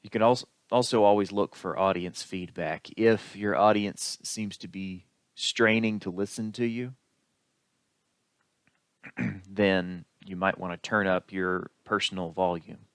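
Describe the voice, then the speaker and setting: A man with a very low voice lectures on public speaking in a steady, explanatory way. The recording is dry and close, with no room sound. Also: smooth, no room sound. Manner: explanatory, unhurried, with occasional fillers. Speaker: instructor.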